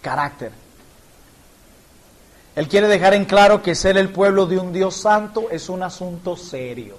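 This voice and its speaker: A man's voice: sits high, a little slow. A man from Colombia, a pastor, teaching a church Bible class in an earnest, explanatory way and illustrating points with personal stories.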